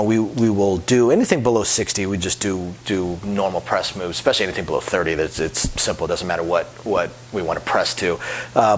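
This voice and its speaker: A man's voice: fairly low pitch, a little hiss or hum. A man who works as a craps dealer explains table etiquette in a casual, rambling way, repeating words and using lots of fillers. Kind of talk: casual explanatory talk to camera.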